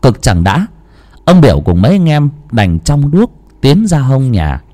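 A man's voice: medium pitch, wildly swooping pitch, a little slow, dark tone. A man narrating a ghost story in a dramatic, suspenseful way.

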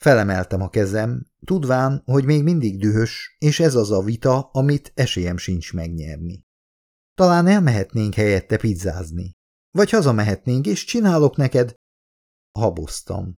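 Man, audiobook narration, low voice, gravelly, lively intonation. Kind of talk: first-person audiobook narration.

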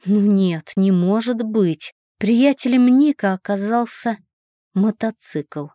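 A young woman narrating a first-person novel as an audiobook, with a lively and expressive reading. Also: mid-range voice, takes it slowly, no room sound, clean studio sound.

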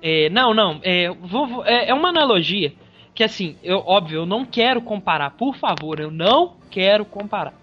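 Co-host, mid pitch, halting and calming, muffled recording. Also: soft background music. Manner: conciliatory, hesitant, restarts while explaining. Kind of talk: casual film discussion. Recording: dull lo-fi recording.

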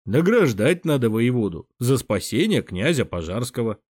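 A man voicing a calm, weary elderly church patriarch who speaks in a measured way, in an audiobook. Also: mid-range voice, slightly rough, no room sound. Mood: wry. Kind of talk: audiobook character voice.

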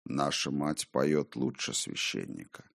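A male narrator putting on a ghostly double, a man's own conscience, that speaks very low and hushed with a calm, mocking menace. The voice sits deep beneath the narrator's usual pitch and drifts quietly through an audiobook scene. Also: a little slow, gravelly, full character voice. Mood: hushed taunting. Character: eerie whispering male double, his conscience. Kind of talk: audiobook character voice.

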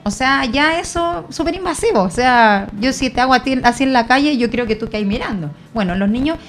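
Una mujer con acento chileno en una charla casual, narra anécdotas animadas e imita las voces que cita. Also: female voice, sits high, fairly quick, soft background music. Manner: animated storyteller, acts out quoted voices. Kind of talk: casual radio chat. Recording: faint background ambience.

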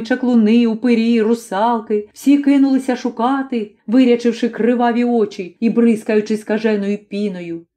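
A woman reads a fantasy tale aloud as an audiobook, measured and dramatic. Her voice sits fairly high, with a dark, mellow tone. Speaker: audiobook narrator. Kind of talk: storybook narration.

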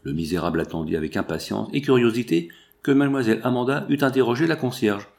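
A man narrating a classic novel aloud in a steady literary reading. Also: medium pitch, quick pace, creaky. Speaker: audiobook narrator.

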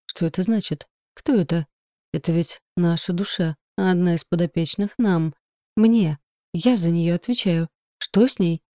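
A woman's voice: lowish voice, measured pace, dark tone, no echo, studio quality, natural voice. A woman voicing an eager young male spirit trainee who speaks in an agitated, insistent way. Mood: anxious, urgent.

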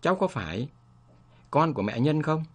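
A man reading a grave middle-aged soldier's gentle, solemn lines in a storybook narration. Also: a little high, big pitch swings, normal speed, voice pushed up. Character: grave middle-aged male soldier bringing bad news.

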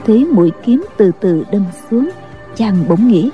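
A woman narrating a martial-arts novel audiobook in a steady, even storytelling manner. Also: mid-range voice, a little slow, lo-fi sound, faint music behind.

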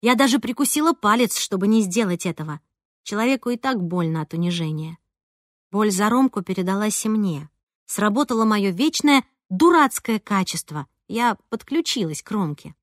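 A woman narrating a first-person audiobook in an expressive, lively way. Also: medium pitch, normal speed, no echo, studio quality. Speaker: audiobook reader.

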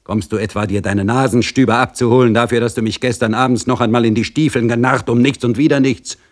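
A blustering middle-aged police officer snaps out scolding orders in a brusque manner, as a man reading the story plays him. The voice rests on a deep base but is lifted and louder when he bristles. It comes from a spoken storybook. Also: expressive, normal speed.

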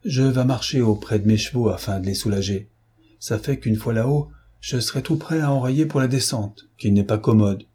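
A man voicing a sly, rough young coach driver who swears loudly and talks like a country man. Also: medium pitch, moderate pace, close to an everyday voice. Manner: cursing loudly, rustic speech.

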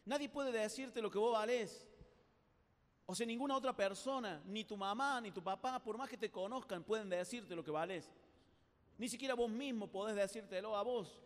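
A man with a Rioplatense Spanish accent giving an animated, humorous youth talk, acting out little scenes as he speaks. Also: sits high, brisk, big-room sound. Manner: animated, acts out voices, jokes with the audience.

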